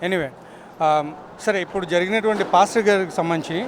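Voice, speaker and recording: A man's voice: high voice, fast talker, a little hiss or hum. A man interviewing a pastor, pressing him with challenging questions.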